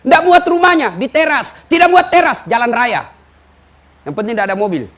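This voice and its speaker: A man preaching a humorous sermon as a lively storyteller who acts out quotes. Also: very high-pitched, a little fast. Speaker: Islamic preacher.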